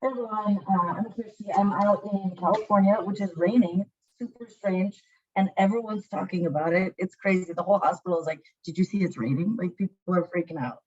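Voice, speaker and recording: A woman's voice: medium pitch, fairly quick, a little mellow, breathy edge. A young woman in her twenties, a panelist talking in a chatty, casual way with lots of "like". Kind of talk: casual chat. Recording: dull lo-fi audio.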